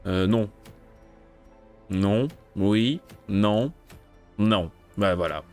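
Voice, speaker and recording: With soft music in the background, a gaming video creator drags out his words in a lowish voice while commentating his own run. The tone is casual let's-play: loud swearing in frustration when something goes wrong, followed by muttering as he plans.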